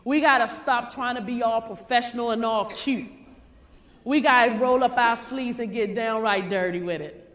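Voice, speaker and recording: A woman from Maryland giving a fervent motivational stage speech, preachy and rising to shouts. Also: on the high side. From Maryland, USA. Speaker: motivational speaker. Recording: hall reverb.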